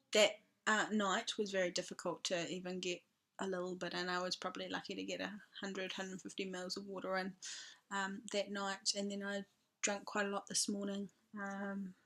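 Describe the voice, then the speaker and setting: A woman talking casually in a video diary, halting and often pausing mid-sentence. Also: mid-range voice, fairly bright tone. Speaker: vlogger.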